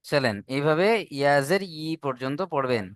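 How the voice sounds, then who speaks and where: Male Quran-reading tutor, patient and repetitive. Clear, slightly high voice on a dry close mic. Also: dry recording. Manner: patient, drills syllables slowly and repeats. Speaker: Arabic reading teacher. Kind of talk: online class instruction.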